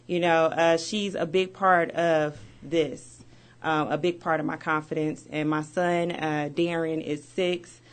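A woman's voice: deep voice, level tone. Chatty, upbeat woman radio guest. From United States. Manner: upbeat, chatty, quick bursts. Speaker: guest, community ministry founder. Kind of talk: radio interview. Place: radio studio.

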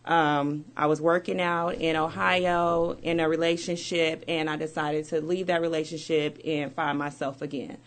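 A woman interviewed as a radio studio guest, upbeat and chatty, rattling through parts of her story in quick bursts. Her voice sits a little low for a woman. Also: level tone. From United States. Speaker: guest, community ministry founder.

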